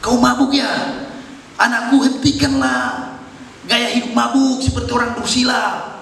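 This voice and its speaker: A man voicing an old priest who scolds at first and then blesses gently, speaking in a raised voice. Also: extremely high pitch, sing-song, measured pace, gravelly, pitched above the performer's own voice, heavily acted. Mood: scolding. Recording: echoey church hall, far mic.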